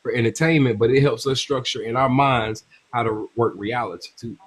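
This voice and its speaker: A man's voice: medium pitch, fairly even intonation, brisk, husky. A man hosting a casual group chat over a video call, slangy and playful, laughing often as he pushes back. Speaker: live stream host.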